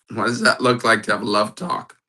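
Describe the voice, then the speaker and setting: A man's voice: on the low side, lively intonation, moderate pace, bright, forceful tone, low-quality recording. A man hosting a casual live stream as a matchmaker, upbeat, greeting viewers in the chat and repeating motivational phrases. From United States. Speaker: livestream host and matchmaker.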